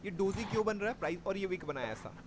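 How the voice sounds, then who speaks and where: A man's voice: high voice, animated, quick pace, background noise. A man teaching a live class on trading, explaining step by step and checking that his students follow. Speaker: stock market trading teacher.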